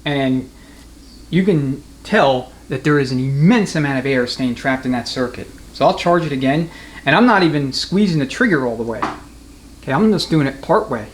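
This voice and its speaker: In a transmission workshop, a mechanic and instructor gives an unscripted, hands-on technical demonstration, explaining things matter-of-factly. His medium-pitched voice is expressive and moderately paced, with a little hiss or hum in the audio.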